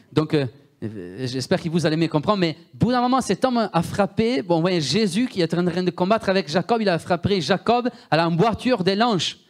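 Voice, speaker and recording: Speaking French with a strong accent from his native Italian, a man preaches a sermon in a fairly high-pitched voice. He hammers his points emphatically, repeats himself often, and keeps asking the audience questions.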